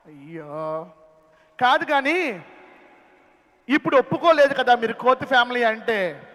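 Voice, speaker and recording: A man hosting a children's camp skit, calling out questions to the young audience in a playful, animated way. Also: very high-pitched. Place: large hall at a children's camp. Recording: long hall reverb.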